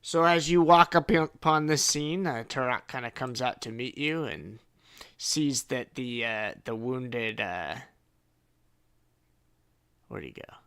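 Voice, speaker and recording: A man narrating as game master of a tabletop game, halting and full of fillers. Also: mid-range voice, expressive, fairly bright tone, clear, resonant tone. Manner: halting, many fillers and restarts.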